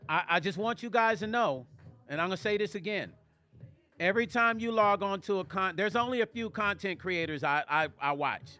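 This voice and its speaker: Man, high voice, bright tone, emotional rambling, addresses viewers, faint music behind. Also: lively intonation, brisk. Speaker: vlog host. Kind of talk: casual livestream talk. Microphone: studio mic, close.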